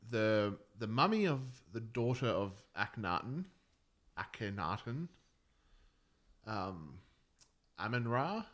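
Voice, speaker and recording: A man's voice: on the low side, a bit bright. A man co-hosting a podcast in casual chat, telling stories in a laid-back way. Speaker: podcast co-host.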